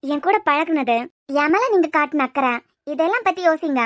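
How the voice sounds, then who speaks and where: A woman's voice: high-pitched, animated, moderate pace, no room sound, clean studio sound. A woman with a Kanyakumari Tamil accent, voicing a bold young woman in love in a cartoon series, pressing and pleading. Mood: hopeful. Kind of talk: cartoon web-series voice acting.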